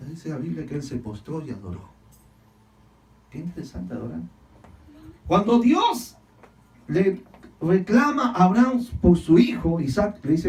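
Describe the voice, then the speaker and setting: Expressive pastor in an echoey hall. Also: male voice, sits high, far from the mic. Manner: preaching with dramatic swings between loud emphasis and hushed lines; repeats phrases and asks the congregation to answer. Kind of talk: sermon. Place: church hall.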